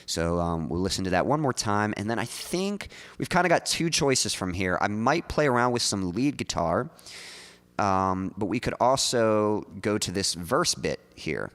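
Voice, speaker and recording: A man's voice: lowish voice, very animated, normal speed, fairly bright tone, long reverb tail. A man streaming as a songwriter, talking loosely with lots of "like" and "um" into a studio mic in front of his mouth. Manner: loose and chatty, full of likes and ums. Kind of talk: casual livestream chat.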